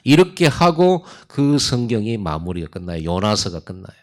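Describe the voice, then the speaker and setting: A man preaching a Sunday sermon, retelling Bible stories in a conversational, storytelling way. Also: moderate pace. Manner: storytelling sermon with lively pitch swings; acts out God's and Jonah's lines in quotes. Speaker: pastor.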